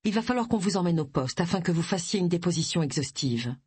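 A woman's voice: on the low side, lively intonation, fast, darkish tone, breathy edge, no echo. A woman voicing a curt male police detective who gives short, commanding orders. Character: brisk male police detective, calm authority.

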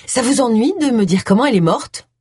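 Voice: mid-range voice, animated, brisk, a little mellow, husky, no echo, studio quality, voice pushed up. A reader voicing a brusque, weary middle-aged woman. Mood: indignant. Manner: snappish, exasperated.

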